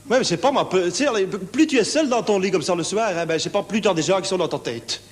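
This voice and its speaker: Actor doing a high-strung Belgian insomniac, rambling with tics, live in a reverberant theatre. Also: male voice, lively intonation, quick pace. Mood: nervous. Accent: Belgian French. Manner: fidgety, rambling, full of verbal tics. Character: nervous naive lonely insomniac man. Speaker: stage comedian. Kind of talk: one-man stage show. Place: theatre stage with live audience.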